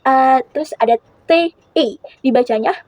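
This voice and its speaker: High-voiced teen girl student, halting explanation. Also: no room sound, highs cut off. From Indonesia. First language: Indonesian. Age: late teens. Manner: halting, many fillers and self-corrections. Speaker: student presenting a school assignment. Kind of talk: explaining English pronunciation to classmates.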